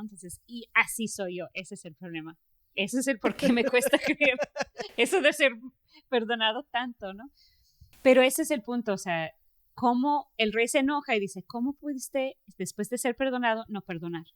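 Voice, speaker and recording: A woman hosting a faith podcast, telling a story in a lively way with frequent fillers and laughs. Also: a little high. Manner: animated storytelling, laughs often, many fillers. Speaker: podcast host. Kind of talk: casual faith conversation.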